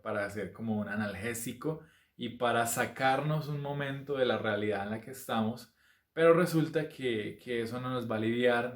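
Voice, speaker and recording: A man's voice: fairly low pitch, echoey room. A man preaching a sermon, teaching from the Bible, who reads passages aloud with rising emphasis and poses rhetorical questions. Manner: frequent fillers and restarts, asks rhetorical questions.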